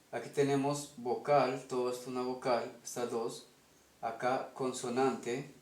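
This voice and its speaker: A man's voice: medium pitch, echoey room. A man with a Colombian Spanish accent teaching a lesson step by step, stopping often to ask "ok?". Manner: methodical, checks in with "ok?". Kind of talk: explaining an invented language at a whiteboard.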